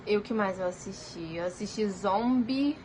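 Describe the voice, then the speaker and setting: A young Brazilian woman talks in a chatty, lively way, speaking with a Brazilian Portuguese accent and acting out what others said. Her pitch sits in a middle range. A faint hiss of background noise runs under the recording. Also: moderate pace, low-quality recording. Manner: chatty, animated, acts out quoted dialogue. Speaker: vlogger. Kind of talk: casual storytelling vlog.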